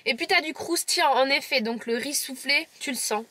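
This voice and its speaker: Bright-voiced chatty French woman vlogger. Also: high-pitched, moderate pace. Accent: Lorraine French. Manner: chatty, playful, teasing viewers. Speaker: vlogger tasting chocolates. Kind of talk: casual tasting vlog to camera.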